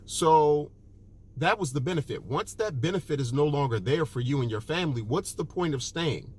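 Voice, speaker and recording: A man's voice: fairly high pitch, expressive, moderate pace, slightly rough. Emphatic man giving money advice. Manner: emphatic, repeats key points, peppers speech with "okay" and "look". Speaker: personal finance author and host. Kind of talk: direct-to-camera advice talk.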